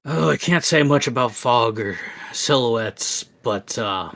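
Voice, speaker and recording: A man voicing a plain-spoken dockside local who talks hesitantly, with many pauses. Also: medium pitch, lively intonation, gravelly, fairly bright tone, exaggerated voice.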